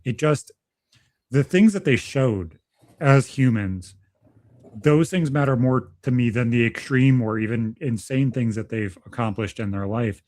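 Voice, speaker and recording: A man's voice: mid-range voice, a little slow, a little mellow. A man in his thirties co-hosting a casual podcast, talking bluntly and swearing freely as he rambles through his thoughts. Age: 30s. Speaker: podcast co-host.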